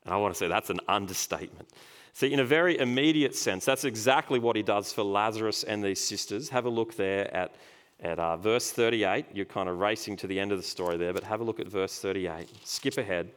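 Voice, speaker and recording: A man preaching a sermon, dropping soft and rising loud when reading scripture. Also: on the low side, fairly quick. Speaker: pastor.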